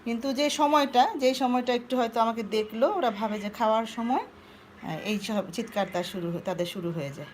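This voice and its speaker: A woman talks casually to viewers in a live home vlog. Her voice sits a little high, and she slips into coaxing baby talk with her pets. Faint room noise and cat sounds come through from behind. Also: normal speed. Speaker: vlogger talking to her cats. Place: home indoors by a sliding glass door.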